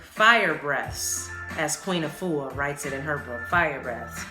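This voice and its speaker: A woman with a deep voice hosts a casual solo podcast, slow and animated, talking candidly and emphatically in slang and swearing a lot. The recording has a roomy echo with music behind her voice.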